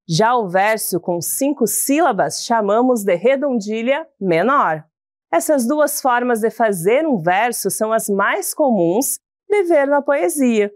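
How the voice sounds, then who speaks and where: A woman teacher with a Brazilian Portuguese accent, giving a slow sing-song lesson to schoolchildren. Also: on the high side, no room sound, studio quality. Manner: slow, sing-song, addresses pupils as "bonitos".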